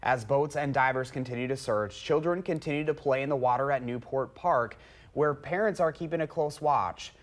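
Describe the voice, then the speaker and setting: A man's voice: medium pitch, normal speed. A male morning news anchor reading stories and joking with co-hosts. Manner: punning, jokey in banter.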